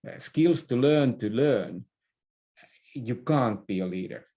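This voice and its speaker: This middle-aged Finnish author and business thinker, with a Finnish accent, appears as an opinionated podcast guest. His mid-range, mellow voice is animated, and he halts and repeats words as he makes his points.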